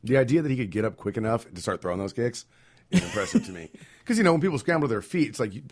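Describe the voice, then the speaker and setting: A man's voice: mid-range voice, very animated, racing, a little mellow. Easygoing male podcast host, casual, giggly, reading off results. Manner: laughs often, reads off results loosely. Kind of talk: casual chat about fight results.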